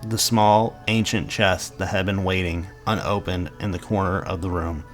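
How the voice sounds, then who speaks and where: A man with a very low voice narrates a scary story in a dramatic, measured way. Faint music plays quietly beneath his reading. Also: steady tone. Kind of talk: scripted horror story narration.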